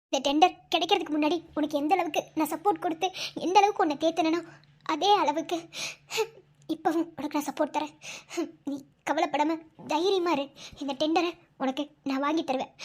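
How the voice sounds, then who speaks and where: Role: woman playing loyal, tough young wife, Madurai Tamil accent, very high voice, soothing and coaxing. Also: a little fast, lightly acted. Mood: reassuring firm. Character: young wife, devoted, fierce and comforting. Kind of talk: amateur cartoon voice acting.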